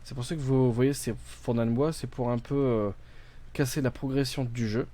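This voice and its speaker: A man's voice: medium pitch, fairly even intonation, normal speed, mellow. A man playing a video game on stream, thinking aloud with many fillers and restarts, reading game text out and translating it. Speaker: gaming streamer. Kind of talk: casual let's-play commentary.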